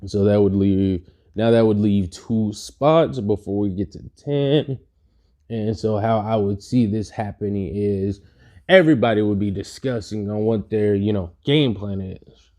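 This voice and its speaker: Young male storyteller, mellow, rambling and casual. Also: on the low side, a little slow. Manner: rambling, profane, laid-back. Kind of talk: casual improvised fan storytelling.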